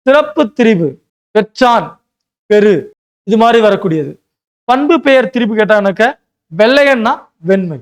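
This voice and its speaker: A man's voice: high-pitched, animated, moderate pace, long pauses. A male teacher giving a Tamil grammar lesson for an exam, explaining step by step, mixing in English words and often checking in with "right?". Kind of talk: classroom lecture.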